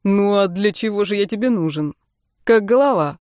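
A woman voicing a calm, soothing male doctor. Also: mid-range voice, normal speed, no room sound, clean studio sound, soft background music, lightly acted. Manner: soothing, reassuring. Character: calm caring male doctor, protective older brother.

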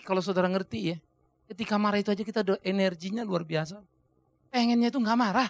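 A male preacher delivers a lively sermon, his pitch leaping up and down. His voice is bright and gravelly, and the recording is dry and close. He questions his listeners directly and shifts from loud bursts to soft remarks. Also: no room sound. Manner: animated, swings between loud outbursts and quiet asides; talks directly to the congregation with rhetorical questions. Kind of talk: topical sermon.

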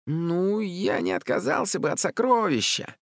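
Boastful kid commander read by a man, high, loud, eager. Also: big pitch swings, a little slow, creaky, no room sound, studio quality, exaggerated voice. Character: excitable boastful young boy commander.

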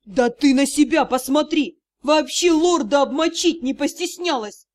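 A woman voicing a brash, cheeky male dragon in an audiobook, loud, teasing and mock-innocent. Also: high voice, animated, unhurried.

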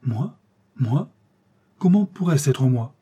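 A man reading aloud who voices a crippled dwarf jester speaking calmly and deliberately. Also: medium pitch, husky, muffled recording. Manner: calm, measured speech. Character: crippled male dwarf jester, quietly vengeful.

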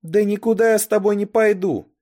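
A man voicing a defiant teenage girl with secret powers, indignant and sharp in a storybook reading. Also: mid-range voice, big pitch swings, brisk, pitched above the performer's own voice. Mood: fierce.

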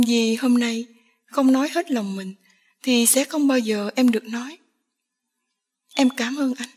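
A woman voicing a tearful young village woman pleading with the man she loves, with a slow, breathy delivery. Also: a little high, a little mellow. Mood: tender pleading.

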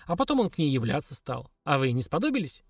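A man's voice: on the high side, big pitch swings, quick pace, breathy edge, dry recording, clean studio sound, heavily acted. A man voicing a blunt, suspicious young man pressing others for answers.

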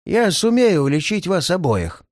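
A reader voicing a calm, commanding male detective who speaks in a firm, measured, stern way, in a storybook reading. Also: mid-range voice, no room sound, studio quality, pitched above the performer's own voice, natural voice.

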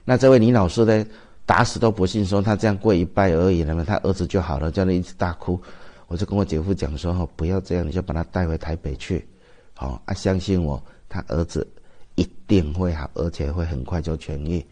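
A man's voice: deep voice, a little fast, a little mellow. A man with a Taiwanese Mandarin accent, a Buddhist master giving a dharma talk, telling stories and asking the audience rhetorical questions.

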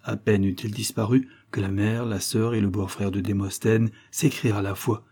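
A man's voice: moderate pace, slightly rough. A man reading a novella aloud as scripted narration, lifting his voice for quoted speech. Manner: reads calmly, lifting pitch for quoted speech. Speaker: audiobook reader.

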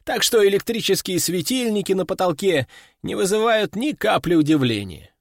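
A man's voice: high-pitched, animated, moderate pace, vocal fry, no room sound, studio quality. A man narrating an audiobook in the first person, with a wry, ironic storytelling manner.

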